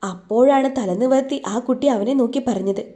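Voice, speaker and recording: Storyteller woman, high voice, dark mellow tone, steady narration. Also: brisk. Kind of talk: scripted narration.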